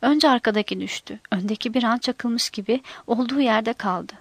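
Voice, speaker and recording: Woman, audiobook narration, measured and steady, fairly high voice, dry close recording. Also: no echo. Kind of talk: scripted narration of a war novel.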